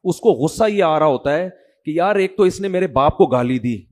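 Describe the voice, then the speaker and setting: A man's voice: fairly high pitch, lively intonation, a little mellow. A middle-aged man, preaching in a chatty storytelling way and mimicking the people he quotes. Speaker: religious preacher. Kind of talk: sermon.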